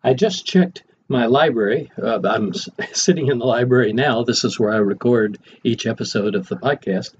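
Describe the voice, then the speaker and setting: A man's voice: mid-range voice, moderate pace, few pauses. An older man hosting a podcast, telling stories from memory in a conversational way with wry asides. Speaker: podcast host. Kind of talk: reminiscing storytelling monologue. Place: home library. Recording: muffled, faintly noisy.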